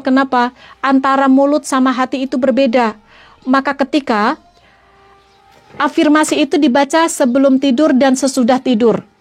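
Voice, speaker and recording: A woman preacher with a high voice gives an earnest religious talk to her online followers. She keeps repeating her points and pauses now and then to answer greetings in the comments. Soft music plays faintly behind her. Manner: earnest and repetitive, often calling listeners "friends". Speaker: female Islamic preacher (ustazah).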